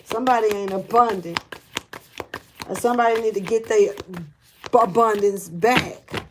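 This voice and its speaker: A woman's voice: mid-range voice, unhurried, background noise. A woman giving a casual spiritual tarot reading, talking in a loose, rambling and blunt way with slang and cursing, earnest and urgent, with frequent repeats and restarts. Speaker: tarot reader.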